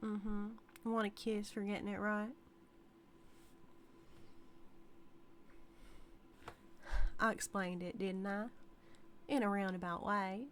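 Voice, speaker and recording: In an audio drama, a woman plays an obsessive outlaw cowgirl who speaks straight to her listener, calling them darling in a drawling, folksy Western way. She's coy, teasing and dominant, with sweetly menacing devotion, lightly acted at a middle pitch, with a level, fairly bright tone and moderate pace. Some background noise sits behind her.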